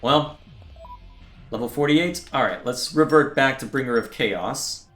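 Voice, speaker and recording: A man's voice: medium pitch, a little slow, a bit bright, echoey room, soft background music. A man giving casual, sarcastic commentary while playing a video game. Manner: wry, sarcastic asides. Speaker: video game let's player.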